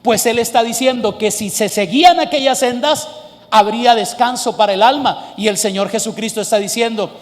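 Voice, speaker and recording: A man preaches emphatically, putting questions to the congregation. His voice sits high for a man. A long reverb from the hall trails after his words. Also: moderate pace. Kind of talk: sermon.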